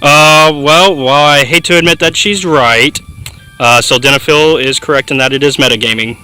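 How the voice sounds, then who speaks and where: A man's voice: fairly high pitch, moderate pace, bright, forceful tone, faint music behind. A man playing an exasperated game master in a tabletop comedy sketch. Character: exasperated game master reining in his players.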